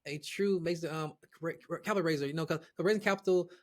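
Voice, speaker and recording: A guest on an interview show, the founder of a real estate platform, talks casually about his platform in a racing, high-leaning voice. His speech has many restarts and repeated words.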